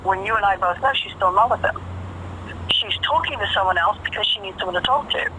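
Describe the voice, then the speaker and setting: A woman's voice: mid-range voice, fast, pushed and bright, slight background noise. A woman talking casually on a phone call, emphatic and profane, repeating phrases for stress. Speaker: caller.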